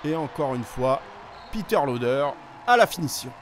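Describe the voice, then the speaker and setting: A man giving excited sports commentary, calling the play as it happens with urgency on each attack. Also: medium pitch, normal speed, a faint crowd, slight background noise.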